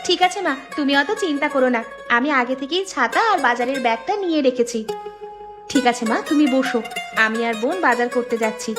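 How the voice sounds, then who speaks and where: A woman's voice: sits high, fairly quick, lightly acted. A woman voicing a dutiful young village daughter in a cartoon, eager and obliging. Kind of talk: cartoon voice acting. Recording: cartoon soundtrack with loud music.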